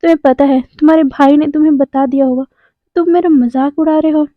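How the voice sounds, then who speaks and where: Woman voicing a stunned young man, stammering, hurt, high voice, tinny dry audio. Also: fairly even intonation, brisk, no room sound, natural voice. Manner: stammering, breaks off words. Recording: dry, tinny phone-like sound.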